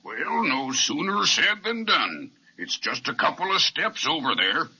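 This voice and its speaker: An old, muffled radio recording carries a huge gentle giant. His voice is very bright and forceful, swinging widely as he draws out folksy, reassuring words for a children's serial. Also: fairly high pitch, very animated, unhurried, husky, heavily acted. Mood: helpful. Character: huge, gentle, kindly, weak-eyed giant. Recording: dull, band-limited vintage radio recording.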